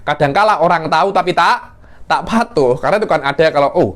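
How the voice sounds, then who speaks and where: A man teaching a class on Quran recitation, jumping up in pitch as he demonstrates intonation. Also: quick pace. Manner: animated, acts out verse intonation with sudden pitch leaps. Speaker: religious teacher.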